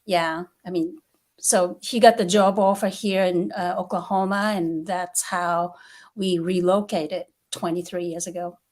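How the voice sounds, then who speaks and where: A woman's voice: on the low side, fairly even intonation, a little slow, a little mellow. Upbeat Japanese-accented woman guest. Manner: upbeat, polite, laughs easily. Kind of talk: casual interview.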